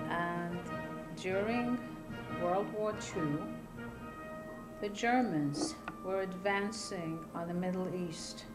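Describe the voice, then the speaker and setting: An older woman from Iraq telling her life story in an interview, seated at a table in a small room, speaking calmly and deliberately with pauses between phrases. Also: medium pitch, low-quality recording. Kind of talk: measured personal testimony.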